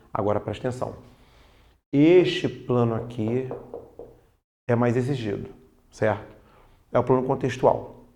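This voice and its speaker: Gravelly Brazilian grammar teacher. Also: male voice, mid-range voice, a little mellow. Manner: casual, peppered with "ó", slows down for key points. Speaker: Portuguese teacher. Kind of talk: online exam-prep grammar lesson.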